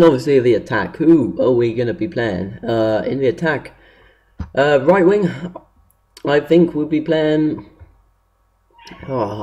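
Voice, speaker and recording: Man with a dark, mellow voice. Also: medium pitch. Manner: hesitant, rambling. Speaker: gaming video host. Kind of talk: casual unscripted commentary.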